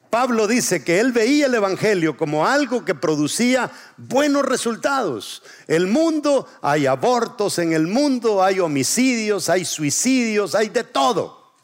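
Male pastor preaching, has folks repeat after him, stretches words out, voice on the higher side. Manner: call-and-response preaching, drawn-out emphasis. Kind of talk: sermon.

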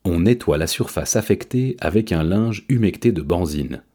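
A man reading a story aloud in a steady, measured way. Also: low-pitched. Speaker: narrator.

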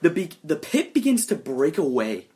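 A man narrating a tabletop role-play game as game master, telling the story dramatically and dropping low and hushed for suspense. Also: big pitch swings, normal speed.

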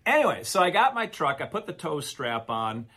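A man co-hosting a podcast, telling a long story in a casual, animated, rambling way. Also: on the high side, normal speed. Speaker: podcast co-host.

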